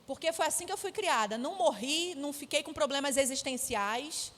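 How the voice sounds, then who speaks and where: Woman preacher, Brazilian Portuguese accent, high voice, firm and emphatic, echoey church hall. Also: expressive, fairly quick, fairly bright tone. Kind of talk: sermon. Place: church sanctuary.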